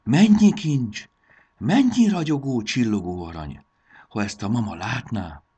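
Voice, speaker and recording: A man's voice: a bass voice, expressive, creaky, slightly rough, full character voice. A man voicing a brave young boy who talks in a reassuring, eager way.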